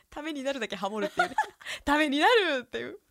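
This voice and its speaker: A woman with a Kansai accent co-hosts a podcast in a high, bright register. She talks fast with a lot of up and down in her pitch, playful and full of laughs. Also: very animated, no room sound, studio quality. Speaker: radio co-host. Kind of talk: casual podcast chat.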